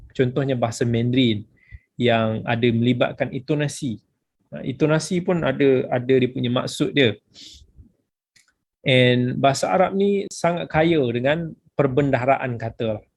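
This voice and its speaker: A man's voice: mid-range voice, creaky, a little mellow. A man with a Malaysian accent, a religious teacher explaining a book in a patient lecture, slipping English phrases into his talk.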